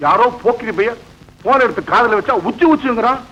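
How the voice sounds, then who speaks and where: A man's voice: extremely high pitch, fast talker, pushed and bright, highs cut off. An older man playing a protective father who encourages his daughter, in a 1970s film scene. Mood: gruff.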